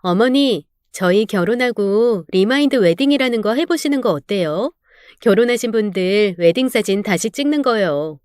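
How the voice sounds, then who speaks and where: A woman voicing a cheerful young bride-to-be who speaks politely and gently persuades in a dramatized story reading. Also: mid-range voice, lively intonation, moderate pace, clean tone, no room sound, clean studio sound, close to an everyday voice.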